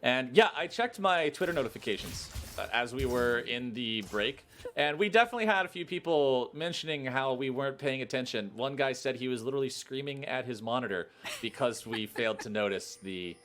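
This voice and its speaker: A man's voice: medium pitch, animated, fairly quick, hardly any pauses, fairly bright tone, a little hiss or hum. A man doing live esports play-by-play commentary with casual banter, in a jokey, colloquial showman's manner.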